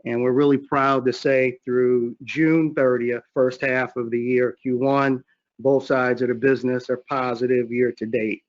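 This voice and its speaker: A man's voice: medium pitch, little pitch movement, unhurried. A man introducing himself and his investment firm as a webinar panelist, heard over a group video call. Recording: dull lo-fi call audio.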